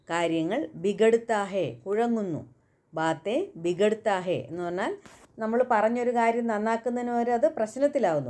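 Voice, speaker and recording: A woman whose first language is Malayalam teaches Hindi phrases at an unhurried pace. Her voice is soft and mellow, and she repeats every example with care. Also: medium pitch. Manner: slow, careful repetition of example phrases. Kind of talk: spoken language lesson.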